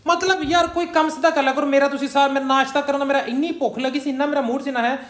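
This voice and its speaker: Fast high-voiced teasing Punjabi young man. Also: fairly even intonation, a bit bright, reverberant. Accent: Pakistani Punjabi. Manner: teasing, whiny, laughing. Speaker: son in a family skit. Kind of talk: comic family skit.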